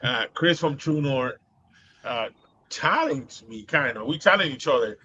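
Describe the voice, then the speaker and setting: Bright-voiced Boston host. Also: male voice, mid-range voice, animated, measured pace, muffled recording, slight background noise. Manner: rambling, laughing, frequent filler words. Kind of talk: casual live show chat.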